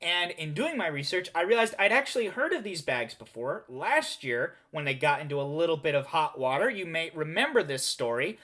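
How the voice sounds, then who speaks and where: A man's voice: on the high side, lively intonation, a little fast, hardly any pauses, bright, forceful tone. A man hosting a comedy commentary show, talking sarcastically and mocking what he reads, laughing often. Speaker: comedy host.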